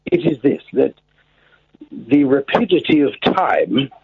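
A stuffy, long-winded gentleman past eighty-five rambles with stiff formality, tripping over his words, as a man on a call puts him on. The voice is gravelly and husky. It comes through a thin, tinny phone line. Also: mid-range voice, big pitch swings, slow pace, full character voice. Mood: pompous. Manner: formal, roundabout, stammering. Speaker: caller.

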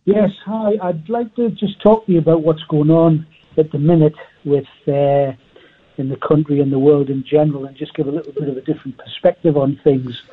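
A man's voice: on the high side, steady tone, fairly quick, slightly rough. A man calling a radio show over the phone, earnest and persistent, reciting figures through a muffled line. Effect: heard over a phone line.

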